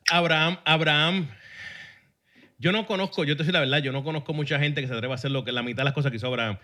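Frank male host, rapid and bright, casual faith talk. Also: a little high. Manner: frank, emphatic. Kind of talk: casual religious conversation.

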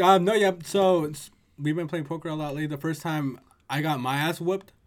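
A man's voice: fairly high pitch, steady tone, fairly quick. A young man co-hosting a podcast, laid-back and playful, swearing casually. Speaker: podcast co-host. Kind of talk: casual chat.

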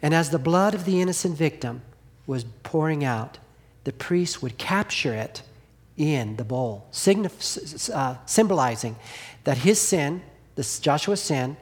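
A middle-aged man preaching a sermon earnestly, asking the congregation questions and dropping to a hush on key lines. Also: on the high side, animated, normal speed, slightly rough. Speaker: pastor.

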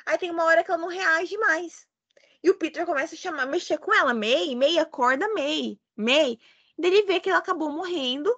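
A woman's voice: extremely high pitch, quick pace, a bit bright, dull audio. A woman in a casual film chat who retells scenes at length and acts out the characters' lines.

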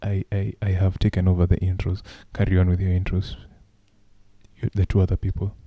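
A man co-hosting a podcast in casual chat, putting on a hushed, low late-night voice in a playful way. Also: completely flat delivery, a little fast, no room sound, highs cut off. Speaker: podcast co-host.

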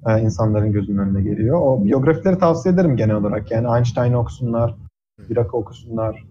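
A man's voice: medium pitch, lo-fi sound, noisy background. A man in his twenties, a guest in an interview, speaking earnestly and thoughtfully with frequent fillers. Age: 20s. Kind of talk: casual interview chat.

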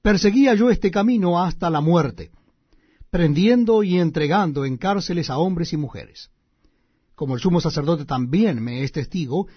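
A man's voice: on the high side, animated, normal speed, slightly rough, dry recording. A man voicing the apostle Paul in a scripture reading, declaiming earnestly. The recording is dull and lo-fi. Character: apostle Paul, a man defending himself before a crowd.

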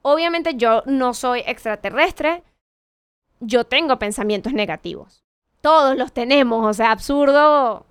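Woman, motivational talk, smooth clear voice, fairly high, conversational, rhetorical questions. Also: no echo, clean studio sound. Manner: conversational, many rhetorical questions and self-corrections. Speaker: motivational speaker.

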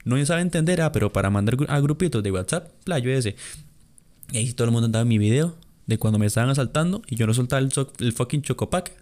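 Costa Rican male podcast host, mid-pitched voice, rambling storyteller, swears casually. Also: expressive, quick pace, darkish tone. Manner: rambling, profane, chuckling asides.

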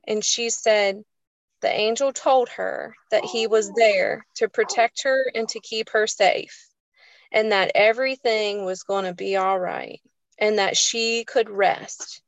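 A woman's voice: medium pitch, steady tone, slow, no echo, poor audio. A woman, earnestly telling a personal story in a casual faith chat. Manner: earnest, emotional storytelling, folksy. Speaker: co-host of a faith show.

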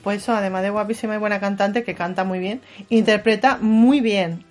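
A woman's voice: mid-range voice, steady tone, fairly quick, darkish tone, faint music behind. Bawdy woman co-host narrating a soap parody. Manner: playful, bawdy, narrates stage directions. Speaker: comedy podcast co-host. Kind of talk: improvised telenovela parody with narration.

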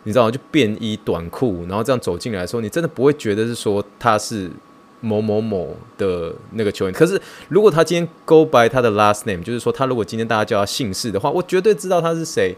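Excitable man, self-mocking podcast talk. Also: fairly low pitch, fast. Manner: excitable, self-mocking, mixing in English words. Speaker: podcast host. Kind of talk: casual podcast monologue.

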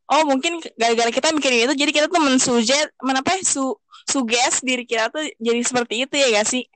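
A woman's voice: high-pitched, fast, a bit bright, dry recording, low-quality recording. A young adult woman with a Jakarta Indonesian accent, chatting casually and in slang as a podcast co-host.

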